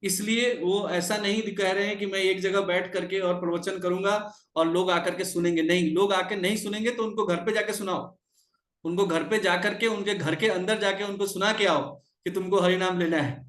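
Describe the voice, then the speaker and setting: A man teaching a devotional class, telling stories in an animated way with frequent hesitant fillers. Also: high voice, normal speed, echoey room. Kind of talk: devotional storytelling lecture.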